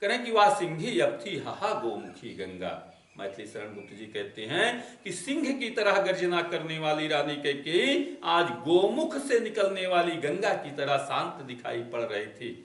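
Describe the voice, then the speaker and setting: A man with a high voice teaches a poetry lesson, reading out each verse and then paraphrasing it, often saying the same point twice. He stands some way off from the microphone in an echoey room. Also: big pitch swings, moderate pace, fairly bright tone, distant mic. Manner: recites lines, then paraphrases them with repetition. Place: classroom or school room. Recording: echoey room, voice away from the mic.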